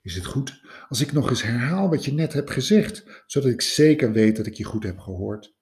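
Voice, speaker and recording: A man voicing a quiet, kindly male scholar who speaks gently to the queen. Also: mid-range voice, animated, normal speed, gravelly. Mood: gentle. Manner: soft, kindly.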